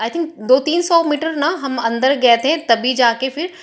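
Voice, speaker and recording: A woman's voice: sits high, unhurried. A young woman vlogging in a chatty, casual way, slipping English words into her talk. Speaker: family vlogger. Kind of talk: casual vlog narration.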